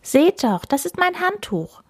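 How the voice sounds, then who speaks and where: A woman's voice: high voice, sing-song, a little slow, voice pushed up, full character voice. A woman voicing a kind, cheerful male character who welcomes and comforts his animal friends. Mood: friendly. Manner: warm, beaming.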